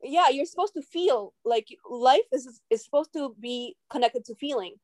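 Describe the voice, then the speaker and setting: A woman from Russia, a native Russian speaker, talks as a guest on a casual podcast. She speaks reflectively and pauses to search for words, in a slightly high voice. The sound is close and dry. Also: lively intonation, no room sound.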